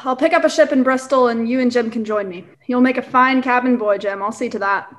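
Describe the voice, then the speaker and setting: A young woman playing a blustering, boastful gentleman squire in a radio play, pompous and excitable. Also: fairly high pitch, brisk, natural voice. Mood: blustering, determined. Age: young adult.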